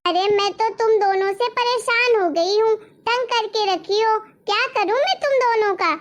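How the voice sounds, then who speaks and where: A woman's voice: very high-pitched, a little slow. A woman voicing a complaining older mother-in-law in a cartoon story. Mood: scolding. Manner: complaining, scolding.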